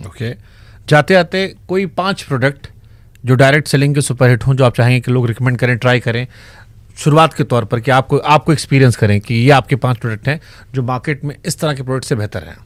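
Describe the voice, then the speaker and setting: A man's voice: medium pitch, fast, no echo. A man interviewing a guest, pressing and rephrasing his questions.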